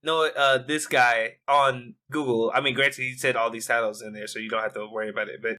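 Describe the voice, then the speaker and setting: A man co-hosting a casual anime review podcast, animated and profane, often restarting his sentences. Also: medium pitch, fairly quick. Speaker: podcast co-host.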